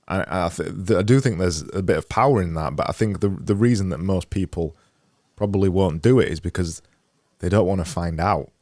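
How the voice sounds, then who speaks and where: A soft-spoken podcast host from England, a Yorkshireman in his thirties, runs a casual video-call interview from a home studio room, using a boom-arm studio mic and headphones. His voice sits low in a studio-quality recording without room sound, and he speaks haltingly, stumbling often and repeating words.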